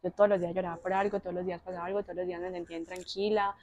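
A young woman with a Colombian accent talks fast as a podcast guest. She tells personal stories casually, lively and full of fillers, acting out her own thoughts as quotes. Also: fairly low pitch. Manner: animated, with frequent fillers and quoted inner voices. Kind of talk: casual conversational storytelling.

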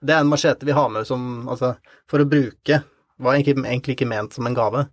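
A man telling a story in an interview, halting and repeating words with many fillers. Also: mid-range voice, steady tone, no echo. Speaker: interview guest. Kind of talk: conversational storytelling.

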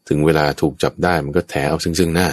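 A man giving a sermon, telling a Buddhist tale in an animated way and often addressing the listeners. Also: extremely low pitch, quick pace, no room sound, clean studio sound.

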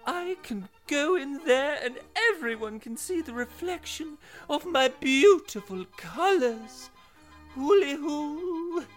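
A woman playing a snooty fish who adores her own colours. Her voice is high and preening, and she stretches out her words. She is a storybook character. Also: expressive, slow pace, soft background music. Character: vain, haughty female fish.

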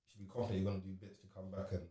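A man's voice: deep voice, monotone, very fast, mellow. A young man with a London roadman accent chatting casually and telling stories in street slang, full of "bro" and "like". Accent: London roadman, south London street slang. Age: young adult. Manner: slangy, peppers talk with "bro" and "like". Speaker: footballer guest. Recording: roomy, echoey sound.

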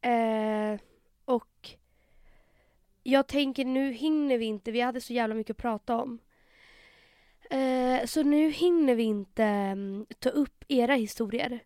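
A woman's voice: fairly high pitch, dark tone, clear, resonant tone, dry recording, clean studio sound. A young Swedish-speaking woman co-hosting a podcast, telling a story animatedly in casual chat and acting out the quotes. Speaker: podcast co-host.

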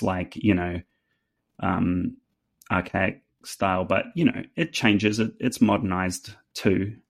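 Casting: New Zealand-accented male musician guest, low gravelly voice, hesitant chatty delivery. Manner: halting, many fillers and restarts. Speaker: fiddle player guest. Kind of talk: casual interview chat.

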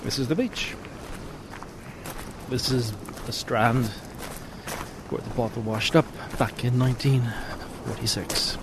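A man's voice: medium pitch, slow pace, long pauses. A man interviewing people casually on location outdoors. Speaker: interviewer, presenter. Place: outdoors by the sea. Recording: noisy outdoor location recording.

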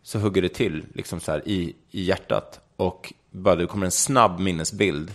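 A man's voice: low voice, a bit bright. A young man speaking frankly in an interview, retelling a personal story vividly and swearing casually. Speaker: guest.

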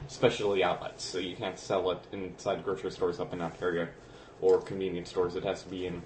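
Male podcast co-host, lowish voice, chatty explainer, echoey room. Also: little pitch movement, brisk, a little mellow. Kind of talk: casual chat. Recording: roomy echo with faint noise.

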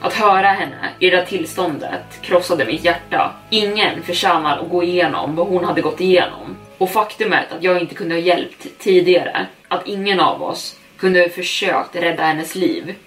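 A woman telling a first-person horror story in an even, steady way. Her voice sits fairly low and is picked up from a little way off the mic. Soft music plays underneath. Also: hardly any pauses, distant mic.

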